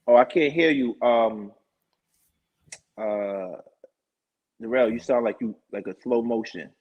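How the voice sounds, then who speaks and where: A man hosting his own live talk show, rambling through shout-outs and sponsor plugs in casual chat. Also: medium pitch, unhurried, husky. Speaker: show host. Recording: dull lo-fi stream audio.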